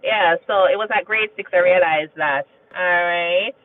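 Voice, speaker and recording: Her voice is lowish and her pace measured, coming across with a tinny quality. This Jamaican nurse hosts a casual livestream, reading viewer comments and chatting. She tells stories, repeats herself, and often asks "you understand?".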